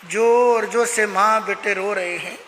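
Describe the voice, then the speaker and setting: A man's voice: sits high, fairly even intonation, a little slow, bright, forceful tone, a little hiss or hum. A male preacher telling a devotional sermon story in a dramatic, emotive way, in a large hall. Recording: echoey hall with long reverb.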